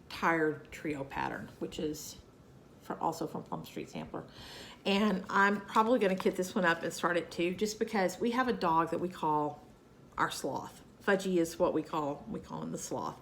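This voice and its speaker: With a Southern US accent, a woman chats casually to camera about her cross-stitch projects, rambling with fillers and asides. Her fairly low, fairly bright voice is animated at a moderate pace, though a cold leaves it nasal and scratchy.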